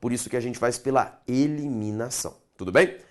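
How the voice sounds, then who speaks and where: Preparing exam candidates, a man with a medium-pitched voice teaches Portuguese grammar in a video, board marker in hand as he writes. He stretches key words out slowly and keeps asking the class rhetorical questions.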